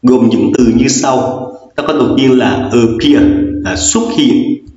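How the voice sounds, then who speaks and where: A male teacher walks through a grammar lesson at a steady, patient pace, going back over every rule with frequent fillers. The room gives a heavy, lingering echo, and the recording sounds dull and lo-fi. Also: medium pitch, slow pace, soft background music. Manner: patient, repetitive explaining with many fillers. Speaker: English teacher.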